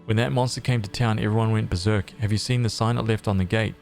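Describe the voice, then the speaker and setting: A man reading the lines of a gruff, coarse guard captain in a video game. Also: fairly low pitch, fairly even intonation, fast, darkish tone, faint music behind.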